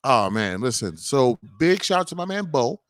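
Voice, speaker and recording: A man's voice: mid-range voice, big pitch swings, normal speed, no echo, studio quality. A man hosting a radio interview, talking in an enthusiastic, hyped-up way. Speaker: radio host.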